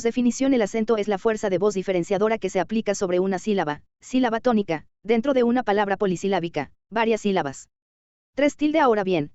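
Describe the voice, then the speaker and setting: A woman reading a scripted lecture as a teacher, measured and slowing down for word examples. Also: mid-range voice, darkish tone, clean tone, no room sound, dull audio.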